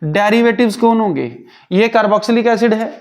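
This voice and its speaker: A man's voice: high voice, normal speed. A male chemistry teacher, explaining step by step and asking and answering his own questions. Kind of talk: Hindi-English chemistry lecture.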